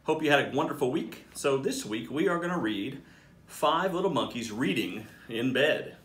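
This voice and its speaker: In a small office, a principal around his thirties or forties reads a picture book to children with lots of expression and speaks to them directly. His medium-pitched, fairly bright voice moves at normal speed, and the camera a few feet away picks up a roomy echo typical of a distant mic.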